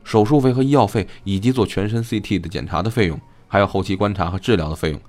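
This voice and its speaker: A no-nonsense hospital doctor, brisk and faintly scolding, as a male narrator does him. His voice sits low, and soft music runs under the storybook reading. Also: natural voice. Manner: brisk, matter-of-fact, reproachful.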